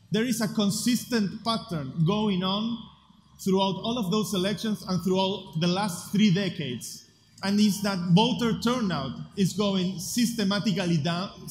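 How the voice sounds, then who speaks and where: A high-voiced Argentine man, a native Spanish speaker with an Argentine Spanish accent, gives a conference talk on stage in a large festival hall as a speaker at a future festival. He is earnest and measured, using deliberate rhetorical pauses. The live hall adds long reverb, faint ambience, and a faint room hum.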